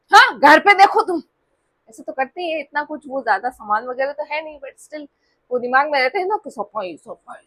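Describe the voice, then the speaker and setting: Young woman vlogger, high voice, dry close sound, animated storytelling, switches between voices in an argument. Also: no echo. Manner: animated, acts out both sides of an argument. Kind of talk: casual storytelling to camera.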